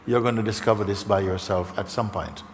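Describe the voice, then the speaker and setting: A man's voice: fairly low pitch, steady tone, fairly quick. A man giving a conversational spiritual talk to a live audience. He often checks in with "okay?" and now and then acts out other people's voices. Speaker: spiritual teacher. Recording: long hall reverb, faint background noise.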